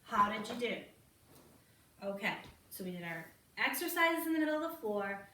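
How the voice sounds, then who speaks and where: A woman teaching a children's ballet class, slowly naming and counting the steps as she demonstrates them. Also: on the high side, big pitch swings, bright, forceful tone. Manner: slow, encouraging, counts and names steps while demonstrating. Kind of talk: online kids' ballet class instruction. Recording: roomy, from a distance, faint noise.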